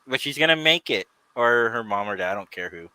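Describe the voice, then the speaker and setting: A man's voice: medium pitch, expressive, a little fast, bright, forceful tone, clear, resonant tone, no room sound, low-quality recording. A man co-hosting a casual online talk show, rambling and laughing often. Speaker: podcast co-host. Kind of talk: casual chat.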